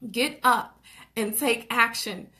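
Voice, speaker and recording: A young motivational vlogger with a slightly high, bright, forceful voice urgently talks up a book, pressing listeners to act. Her preachy delivery repeats calls to action, and she laughs quickly between phrases while often saying "okay?" and "like."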